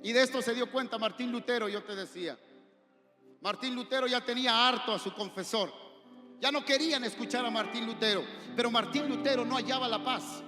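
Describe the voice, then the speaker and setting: A male pastor with a Mexican accent preaching a sermon in a church hall, impassioned, rising to shouts and asking the congregation questions. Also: extremely high pitch, fairly quick. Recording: echoey hall with long reverb, faint music.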